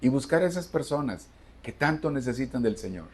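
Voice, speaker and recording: Husky man preaching. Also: medium pitch, animated, a little fast, a little mellow. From Cuba. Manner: preaching to a congregation with emphatic repetition. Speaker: pastor. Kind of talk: sermon. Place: church service.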